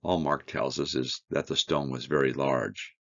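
Very deep gravelly-voiced male Bible teacher. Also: fairly even intonation, a bit bright, lo-fi sound. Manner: reads scripture then explains it, slow earnest emphasis. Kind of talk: verse-by-verse Bible study.

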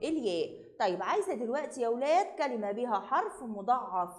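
ست مصرية بتدرّس عربي للصغيرين، كلامها سريع ومباشر. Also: female voice, on the high side, big pitch swings. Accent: Egyptian Arabic. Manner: brisk, addressing children directly. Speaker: teacher. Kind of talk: primary school Arabic review lesson.

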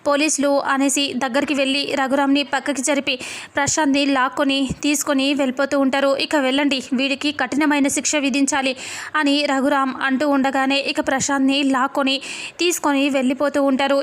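A woman recapping the plot of a television serial. Her voice is high and stays fairly flat. She tells it briskly, with frequent restarts. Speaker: story narrator.

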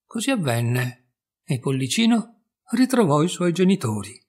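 A man reading a fairy tale aloud with expressive storytelling. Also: fairly high pitch, measured pace.

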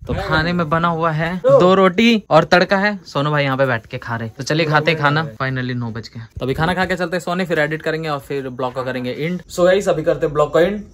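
A man's voice: fairly high pitch, a bit bright. A young man narrating his day in a casual vlog, chatty and teasing his friends. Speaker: vlogger.

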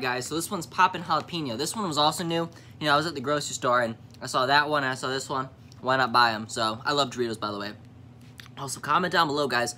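A young man talks into his camera from a home basement, his voice bright and forward. He chats in a loose, slangy way, chewing snacks between words, with a faint hiss of background noise. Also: mid-range voice. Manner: laid-back slangy chatter, chewing while talking. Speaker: vlogger. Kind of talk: casual snack taste test vlog.

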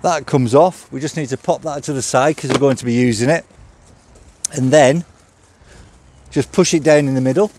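Out on a gravel yard beside a stone house, a man reviews a cart, practically explaining each step as he handles it. His medium-pitched voice has a darkish tone and a moderate pace with frequent pauses, and there's slight background noise.

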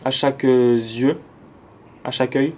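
A man's voice: mid-range voice, fairly even intonation, unhurried, darkish tone, slight background noise. A man with a southern French accent chatting enthusiastically about his plants outdoors, with slangy asides. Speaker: plant vlogger. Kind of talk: casual chat. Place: outdoors near a road with cars and planes.

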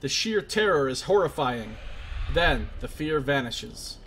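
A man's voice: medium pitch, very animated, a little slow, fairly bright tone. A man doing a let's play, reading game text aloud theatrically and reacting casually as he goes. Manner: theatrical storybook-style reading. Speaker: game streamer. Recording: faint background noise.

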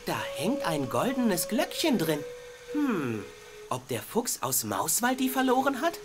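A woman's voice: mid-range voice, sing-song, a little slow. A woman voicing a curious, polite young boy adventurer in a video game, wondering aloud in a hesitant manner. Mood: curious, musing. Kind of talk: video game character acting. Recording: loud game music underneath.

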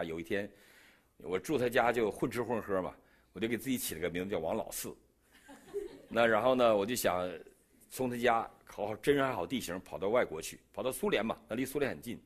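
A middle-aged man from China with a Beijing accent, telling his testimony in a sermon and acting out the dialogue. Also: breathy edge. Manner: animated storyteller who jumps in pitch and loudness, acting out dialogue. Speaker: preacher giving a testimony.

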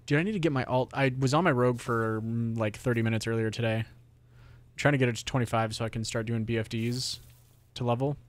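A young man streams a game with a sore throat. He chats casually at an everyday middle pitch, swearing and rambling between comments aimed at himself and the game. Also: steady tone, quick pace, no echo. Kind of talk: casual live gameplay commentary.

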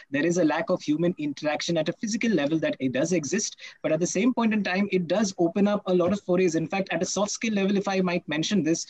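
Wordy Indian-accented male moderator, fairly high voice. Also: a little mellow, no room sound, poor audio. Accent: Indian English. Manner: wordy, deferential, formal. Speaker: panel moderator. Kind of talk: moderating an online panel discussion.

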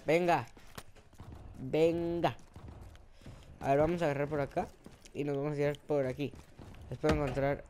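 Excitable man with put-on Spain Spanish. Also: on the high side, fast talker, background noise. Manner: excitable, exclaiming, self-mocking. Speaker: gaming channel host. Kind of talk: live gameplay commentary.

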